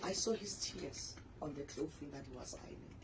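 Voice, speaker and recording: A woman's voice: deep voice, lively intonation, brisk, gravelly, background noise. A woman in her forties, a pastor and author, candidly telling her personal story in a radio interview. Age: 40s.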